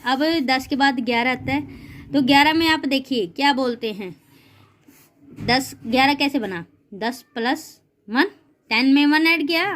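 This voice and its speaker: Patient lady teacher, highish voice, talks to kids like beta ji, slow careful drilling. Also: a bit bright. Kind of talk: classroom lesson for children.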